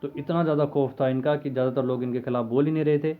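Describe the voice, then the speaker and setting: A man's voice: medium pitch, fairly even intonation, fast talker. A man teaching a history lesson in a conversational way, asking questions and answering them himself. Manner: conversational, asks and answers his own questions. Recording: tinny phone-like lo-fi audio.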